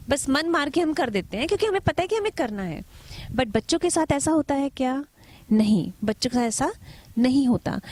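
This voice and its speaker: A woman in her thirties giving parenting advice in a calm, patient lesson, asking the listener questions and mixing in English words. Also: high voice. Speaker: kindergarten teacher giving parenting tips. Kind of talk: talk-to-camera parenting lesson.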